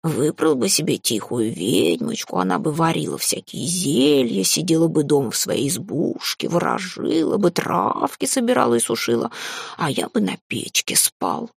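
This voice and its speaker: A woman's voice: deep voice, very animated, moderate pace, creaky, husky, no echo, studio quality, full character voice. A woman voicing a sly, lazy male cat familiar who drawls and teases. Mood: dreamy. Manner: drawling, teasing.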